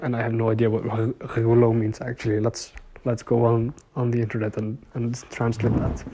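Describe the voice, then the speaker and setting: A man's voice: medium pitch, dark tone, slightly rough. A young man talking to his viewers in a casual video diary. He rambles, uses many filler words and laughs often between his stories. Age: young adult. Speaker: vlogger.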